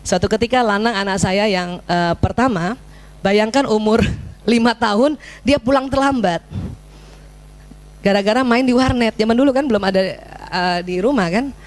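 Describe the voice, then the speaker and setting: A woman's voice: medium pitch, moderate pace. A middle-aged woman giving a religious parenting lecture, telling stories and acting out dialogue with her child. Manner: animated storytelling with acted-out dialogue.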